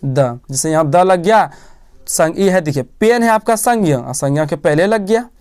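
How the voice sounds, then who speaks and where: Smooth-voiced male tutor drilling grammar. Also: a little high, expressive, normal speed, darkish tone. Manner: asks questions and answers them himself, repeating key words. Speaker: teacher. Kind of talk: classroom-style grammar lesson.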